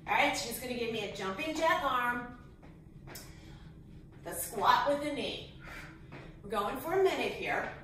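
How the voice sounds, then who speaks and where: A breathless woman leads a workout, her high voice counting reps and cueing each move at an unhurried pace. She sounds distant from the mic in a very echoey room, with faint background noise. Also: expressive, pushed and bright. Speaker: fitness instructor. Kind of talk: workout instruction.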